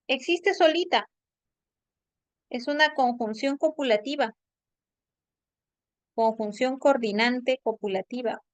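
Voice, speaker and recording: A woman teaching a language class online, explaining step by step and checking understanding with quick tag questions. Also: high-pitched, a bit bright, no echo.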